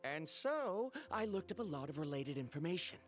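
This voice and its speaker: Villain-voiced scholar, lively pitch. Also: male voice, moderate pace. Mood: lecturing, confident. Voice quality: typical villain voice. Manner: formal, precise, lecturing. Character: pedantic scholarly male researcher with a villainous air. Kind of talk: scripted game dialogue.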